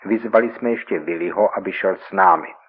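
A man narrating a story in a measured, scripted radio reading. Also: deep voice, breathy edge. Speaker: reader. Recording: tinny old radio recording.

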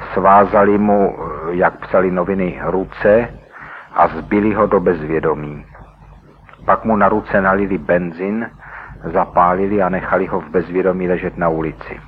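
A man narrating a story in a measured, scripted reading, heard over a tinny radio broadcast. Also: low-pitched, fairly even intonation, a little hiss or hum.

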